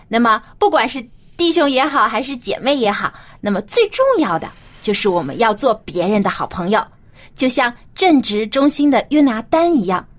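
A woman's voice: on the high side, animated, moderate pace. A woman hosts an educational children's broadcast, explaining phrases and lessons expressively to young listeners. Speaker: children's radio show host.

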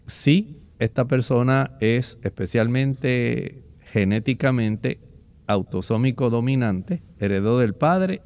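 A man on a radio health program, explaining a lung condition and its blood test in a measured, explanatory way. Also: mid-range voice, vocal fry, a little mellow, no room sound. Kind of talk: explaining a medical topic.

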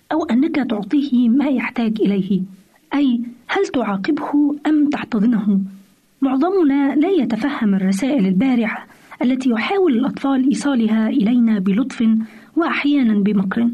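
A woman with a husky, breathy voice reads a parenting advice piece in an earnest tone, speaking straight to the listener. Her voice sits a little high. The recording sounds dull and lo-fi. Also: dark tone. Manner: earnest, addresses the listener directly. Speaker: parenting advisor. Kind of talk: scripted advice reading. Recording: dull, lo-fi broadcast audio.

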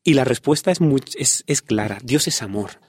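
A man's voice: medium pitch, animated, normal speed, darkish tone, slightly rough, no room sound. Man teaching the Bible. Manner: explanatory, quotes scripture, addresses listeners with "fijaros". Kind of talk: Bible study radio talk.

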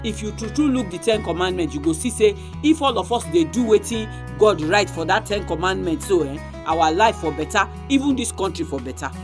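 A Nigerian woman introduces a religious radio programme in Nigerian Pidgin. Her voice sits at an ordinary pitch, and instrumental music plays clearly behind her. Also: animated, a little fast, few pauses.

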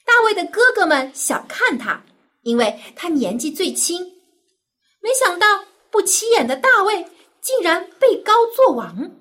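A woman with a high, very lively voice tells a story to little children. She speaks gently and simply, as if reading to a toddler, addressing the young listeners directly as their storyteller. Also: a little slow. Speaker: children's Bible story host.

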